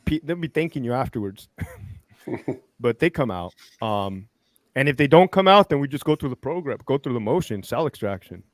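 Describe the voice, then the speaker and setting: A retired corrections lieutenant telling stories as a guest, swearing freely and acting out what people said. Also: male voice, medium pitch, a little fast, no room sound. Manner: profane, animated, acts out quoted lines. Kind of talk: casual storytelling interview.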